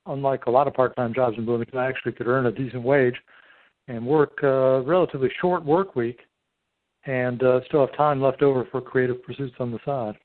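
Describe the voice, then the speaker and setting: A middle-aged man hosts a casual three-way phone call. He talks in a halting, wordy way at an average pitch. The sound is thin and tinny, like a dry phone line. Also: fairly even intonation, dry recording. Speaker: podcast host. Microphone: telephone call.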